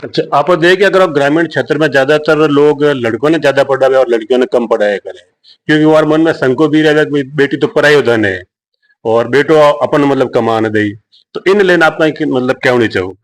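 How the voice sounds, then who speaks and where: A man's voice: medium pitch, fairly quick, low-quality recording. Rambling man interviewer. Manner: long, rambling questions. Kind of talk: local news interview.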